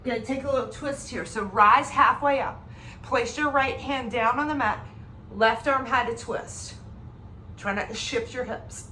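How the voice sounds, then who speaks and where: A woman's voice: fairly high pitch, measured pace, echoey room, slight background noise. A woman yoga instructor calling out poses in a yoga flow class, slightly out of breath as she moves through it. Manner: calm, directive cues, sometimes winded while moving.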